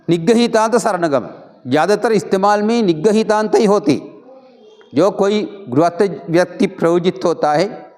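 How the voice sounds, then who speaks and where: A high-pitched male monk teaching chant pronunciation in an unhurried, measured way. He goes over each syllable again and again, patiently correcting the listener. His delivery is calm and deliberate. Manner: patient, repeats and corrects each word slowly. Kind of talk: pronunciation lesson.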